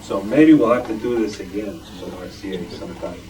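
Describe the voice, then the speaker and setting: Recorded on a distant mic in a noisy club meeting room, a man presents items from his collection in an informal show-and-tell, with members behind him. His voice is lowish, warm, and a little fast.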